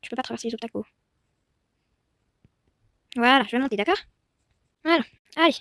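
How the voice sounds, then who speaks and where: A woman's voice: a little high, lively intonation, fairly quick, no echo. A young woman commenting on a horse-riding game while coaxing and calling her horse. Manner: soothing horse-talk, swinging to panicked shouting. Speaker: Roblox horse-riding roleplay streamer. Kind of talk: casual gameplay commentary talking to her virtual horse.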